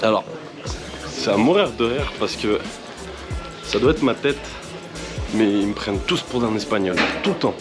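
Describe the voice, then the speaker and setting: A man's voice: lowish voice, animated, moderate pace, pauses often, music in the background. A man from France, chatting casually as a travel vlogger, his voice congested from tonsillitis. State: sick with tonsillitis, congested swollen-throat voice. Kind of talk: casual vlog chat to camera.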